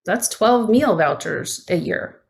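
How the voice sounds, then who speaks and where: A woman's voice: medium pitch, lively intonation, slow pace, vocal fry. Middle-aged woman, nonprofit founder, earnest and heartfelt guest voice. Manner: earnest, heartfelt, warm appeals. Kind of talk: conversational interview.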